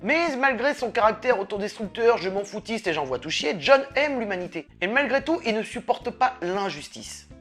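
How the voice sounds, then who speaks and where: A woman hosting a comics review video, lively and sarcastic, swearing casually as she talks. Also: medium pitch, normal speed, few pauses, soft background music. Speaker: host of a comics review channel.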